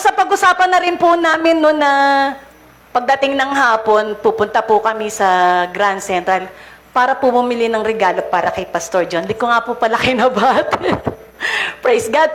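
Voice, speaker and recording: A Filipino woman preaching with a cold, chatting and laughing through a casual story before her sermon. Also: high voice. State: congested with a cold. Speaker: lay preacher.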